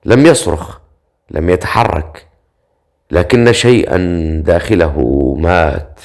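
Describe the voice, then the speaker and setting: Brief: male narrator, lowish voice, dramatic paced storytelling. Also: expressive, slow. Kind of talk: reading a dark fantasy novel aloud.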